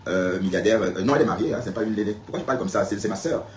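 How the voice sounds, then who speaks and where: A rapid-fire Cameroonian man with a fairly low pitch replies to live-stream comments, casual yet emphatic, repeating his points and addressing viewers head-on. A little hiss or hum comes through, and the room is echoey with faint background ambience.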